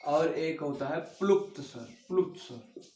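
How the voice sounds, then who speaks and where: A man's voice: fairly high pitch, normal speed, warm tone, a little hiss or hum. A man teaching an exam-prep grammar lesson, asking questions and answering them himself, often checking with "okay". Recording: echoey room, mic at a distance.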